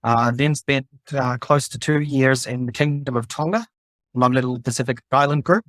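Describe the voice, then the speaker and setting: A man's voice: mid-range voice, brisk, fairly bright tone, no echo. A middle-aged man from New Zealand, a podcast guest explaining his background step by step in casual conversation. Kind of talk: casual chat.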